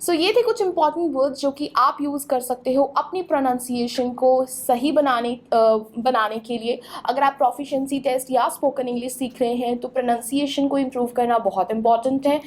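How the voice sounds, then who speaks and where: A woman teaching English pronunciation in a clear, instructive lesson, spelling words out letter by letter. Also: high-pitched, fairly even intonation, brisk, few pauses. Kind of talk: explanatory lesson.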